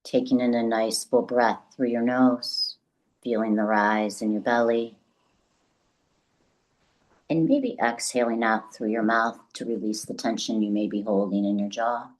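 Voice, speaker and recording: The low-quality recording captures a woman with a very deep, low voice guiding a meditation. She delivers calm, soothing instructions gently and deliberately, with long pauses separating her phrases.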